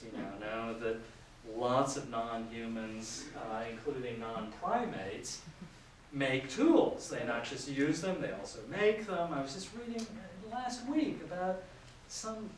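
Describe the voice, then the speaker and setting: A man in his sixties giving an informal public lecture as a professor, chatty and self-deprecating with lots of fillers. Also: medium pitch. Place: large lecture room with an audience. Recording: echoey hall, mic at a distance, audience noise.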